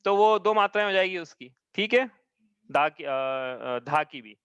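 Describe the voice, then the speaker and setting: A man's voice: a little high, lively intonation, a bit bright, clean tone, no room sound, lo-fi sound. A man teaching a live class, patiently explaining each step and often checking that his students follow. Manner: chants verses slowly. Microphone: own mic, audio only.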